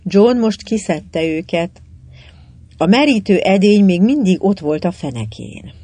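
Audiobook narrator, children's adventure novel, even storytelling, dry close recording. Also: medium pitch, dry recording. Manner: even storytelling, lively in dialogue.

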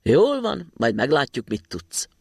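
A man voicing nervous scheming male robbers in a storybook reading, in a hushed, urgent way. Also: mid-range voice, huge pitch swings, gravelly, slightly rough, no echo, clean studio sound, full character voice.

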